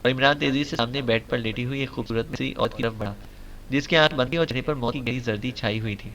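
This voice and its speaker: A man narrating a novel audiobook in a steady, even storytelling manner. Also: mid-range voice, a little hiss or hum, low-quality recording.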